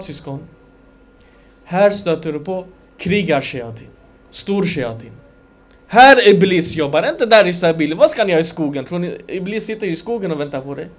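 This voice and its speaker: A man giving a conversational sermon to a gathering, animated, swinging between loud emphasis and quiet asides. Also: high voice. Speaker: religious lecturer.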